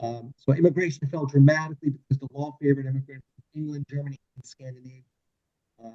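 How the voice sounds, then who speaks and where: A man's voice: medium pitch, fairly even intonation, fast, warm tone, dry recording, lo-fi sound. A man giving an explanation on a video call, his audio breaking up and dropping out from a bad connection. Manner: explains step by step with fillers and restarts. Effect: choppy audio breaking up over a bad call connection. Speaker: guest presenter.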